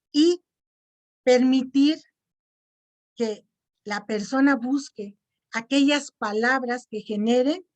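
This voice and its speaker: A woman's voice: on the high side, a little mellow. A middle-aged woman lecturer, explaining patiently and checking in with her listeners often. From Mexico. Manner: didactic, checks in with frequent "¿sí?". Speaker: lecturer on self-esteem. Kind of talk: online lecture and Q&A.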